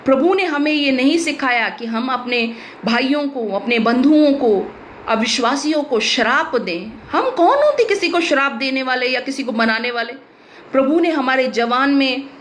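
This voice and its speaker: High-voiced Indian woman preaching bluntly. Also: a little hiss or hum. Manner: emphatic, blunt, with a teasing humor. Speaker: pastor. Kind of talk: sermon.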